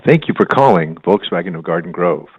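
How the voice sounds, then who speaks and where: A man in a recorded phone menu message, slowly announcing a dealership greeting and menu options in a formal, even way. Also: low-pitched, breathy edge. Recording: tinny phone line from far off.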